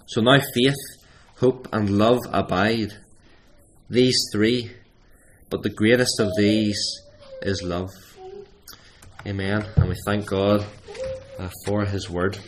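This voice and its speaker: A man's voice: fairly low pitch, little pitch movement, a little hiss or hum, poor audio. Man reading scripture at a pulpit microphone. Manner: measured, deliberate reading with emphatic pauses. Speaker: church service leader reading scripture. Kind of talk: scripture reading in a church service. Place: church.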